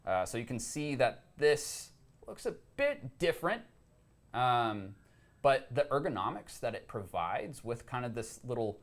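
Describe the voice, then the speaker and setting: A young man talks through espresso gear in casual chat, relaxed and easygoing. His pitch sits in a middle range for a man. He fills pauses with ums and uhs as he explains. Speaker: co-host of a coffee gear show.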